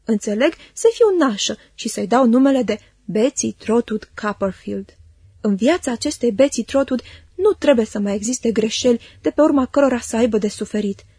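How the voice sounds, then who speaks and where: Woman doing a bossy old-maid aunt for an audiobook, clipped commands, husky, higher pitch. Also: expressive, warm tone, dry recording, clean studio sound. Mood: brusque, commanding. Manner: brusque, commanding, measured. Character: stern imperious elderly spinster aunt. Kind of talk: audiobook reading.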